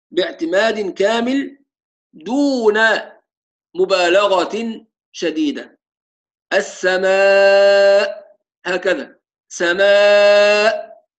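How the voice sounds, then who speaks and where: A man with an Egyptian accent and a high voice gives a tajweed lesson, demonstrating Quran recitation aloud. He blends formal Arabic with colloquial asides and slows down to draw out every letter he demonstrates.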